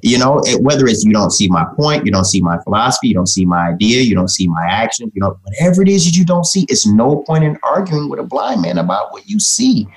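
Very animated and fast, with few pauses, a medium-pitched man talks informally as an interview guest, throwing in "man" and "you know" a lot. He is a communication trainer and author, and the audio quality is poor.

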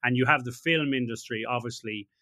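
A man's voice: mid-range voice, a little fast, pushed and bright, no echo, studio quality. A man hosting a casual interview, thinking aloud and ending points with tag questions. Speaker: podcast host.

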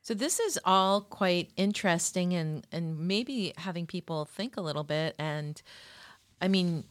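A woman with a low voice hosts a casual podcast interview. The sound is dry, with hardly any room around her, and she talks conversationally. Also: unhurried, no room sound. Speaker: podcast host.

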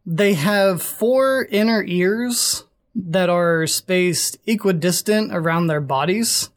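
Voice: mid-range voice, slow. Chatty host reading monster lore. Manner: chatty, reads passages aloud with fillers. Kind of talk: casual chat.

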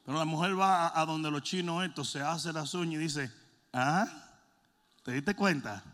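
A man preaching a sermon, joking and shouting in turns. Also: fairly high pitch, moderate pace. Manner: animated, jokey, swings between shouting and mimicking. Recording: long hall reverb.

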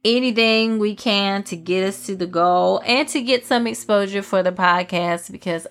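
A woman's voice: mid-range voice, normal speed, fairly bright tone. A woman with a Southern US accent hosting her own podcast, talking casually and ranting with rhetorical questions. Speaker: podcast host. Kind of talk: casual solo podcast commentary.

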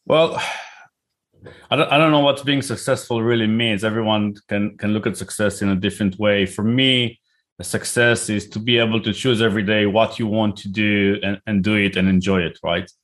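A middle-aged man with an Israeli accent, speaking at a moderate pace in a lowish voice, is a guest entrepreneur in an interview. He's chatty and relaxed, often repeating words as he starts a thought.

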